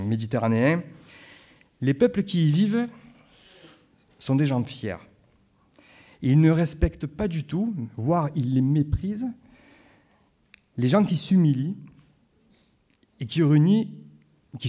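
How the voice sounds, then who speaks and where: A man with a Marseille accent gives a conference talk in a very dark, mellow voice at an ordinary pitch. He speaks in a conversational way and keeps turning to the audience with asides. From Marseille, France. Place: conference hall.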